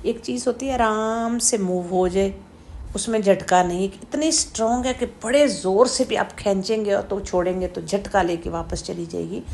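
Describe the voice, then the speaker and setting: A woman teaching Quranic letter pronunciation, explaining slowly and demonstrating throat sounds with repeated drawn-out syllables. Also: mid-range voice, darkish tone, a little hiss or hum. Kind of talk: slow step-by-step pronunciation lesson.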